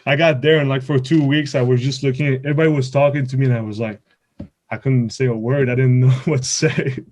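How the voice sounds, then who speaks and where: A man in his twenties from Quebec, Canada, speaks with a medium-pitched, steady, darkish voice at a quick pace. A native French speaker with a Quebec French accent, he's a college baseball player appearing as a podcast guest, answering interview questions in a casual, rambling, informal way.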